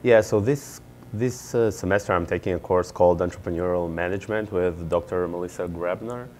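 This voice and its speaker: A young man speaks in a very deep, low voice. He answers interview questions earnestly and explains things step by step, pausing now and then on fillers. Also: darkish tone, slight background noise. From Israel. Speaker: MBA student and startup founder.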